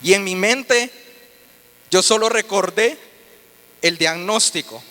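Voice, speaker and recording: A man's voice: sits high, slow pace, bright, forceful tone. A man telling his personal faith testimony earnestly, often restarting his words. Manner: earnest storytelling with frequent restarts. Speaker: testimony speaker. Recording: reverberant hall.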